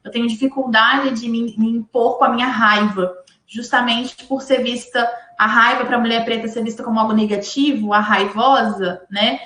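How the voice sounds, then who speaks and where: A woman from in Brazil, speaking reflectively and in an even tone as a panelist in a live discussion. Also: fairly high pitch, moderate pace, echoey room. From Espírito Santo, Brazil.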